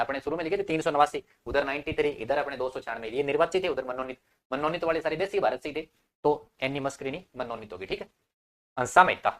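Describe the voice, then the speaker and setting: A young man runs a live online exam-prep class. He keeps his pitch at a middling level and drills each key point again and again. He pauses to throw questions at his students. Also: a bit bright. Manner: repetitive drilling, quizzing students. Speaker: teacher.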